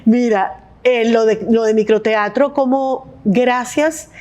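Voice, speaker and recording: Chatty woman host, slightly high voice. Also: fairly even intonation, slow, darkish tone, dull audio. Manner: friendly, chatty, chimes in with short replies. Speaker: interviewer, host. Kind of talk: casual interview chat.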